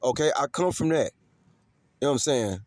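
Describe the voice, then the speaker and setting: Expressive and fairly quick, a Chicago man's slightly mellow mid-range voice carries a studio-quality vlog with no room sound. He talks to his viewers without a script, repeating himself emphatically and using street slang and swearing.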